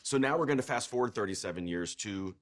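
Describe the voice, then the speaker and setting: A man with a very low voice hosts a film program. He asks his guest prompting questions at a measured pace and introduces each movie. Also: expressive. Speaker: host.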